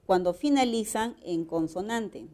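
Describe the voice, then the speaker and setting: Slow-paced Peruvian woman teaching grammar. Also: mid-range voice, animated, warm tone. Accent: Peruvian Spanish. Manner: slow and explanatory, checks with rhetorical questions. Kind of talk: grammar lesson.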